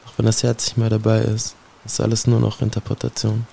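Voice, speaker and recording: Man, spoken-word poetry, solemn, brooding, dark tone, monotone delivery. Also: on the low side, fairly quick, gravelly, slight background noise. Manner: solemn, brooding, addresses a listener directly.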